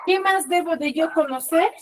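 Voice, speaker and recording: A woman's voice: very high-pitched, normal speed. A woman teacher giving an online class over a video call, often checking in with short questions to her pupils.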